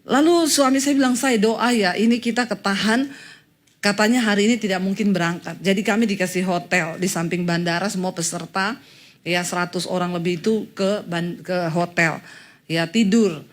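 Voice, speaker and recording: A woman pastor preaching a sermon and telling a personal story in an animated way, acting out what others said. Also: a little high.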